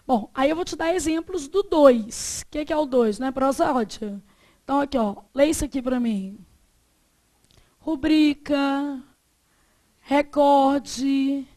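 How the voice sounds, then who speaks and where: A woman with a Brazilian accent leads a grammar lesson in a high, light voice. She chats and jokes with the class and stretches out each example word slowly. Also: darkish tone. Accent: Brazilian Portuguese. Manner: chatty, joking, drawn-out example words. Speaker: Portuguese teacher.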